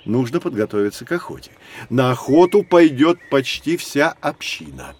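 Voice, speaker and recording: A man with a mid-range, slightly mellow voice speaks at a moderate pace, his pitch swinging widely. He's an actor playing a knowledgeable professor in a scripted educational audio drama, explaining prehistory to children. As an educational guide, he sounds patient and lectures in an explanatory way.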